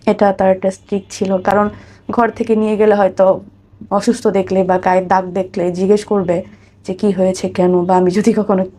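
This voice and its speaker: With a warm, level tone at medium pitch and moderate pace, a woman with a Bangladeshi accent offers personal testimony. She is a guest recounting her life in an interview, repeating phrases and showing the host respect.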